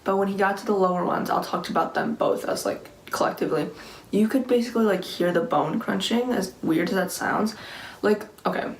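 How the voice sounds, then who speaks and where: A woman's voice: mid-range voice, fairly quick. A young woman in her late teens telling a casual personal story in a rambling, conversational way, peppered with filler "like". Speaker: vlogger. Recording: echoey room with faint background noise.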